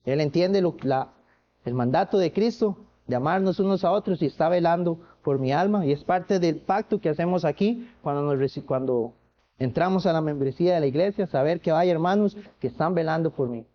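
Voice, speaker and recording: A man's voice: fairly high pitch, fairly quick, highs cut off. A man with a Costa Rican accent preaching a sermon in church, earnest, with restarts and rhetorical questions. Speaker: pastor.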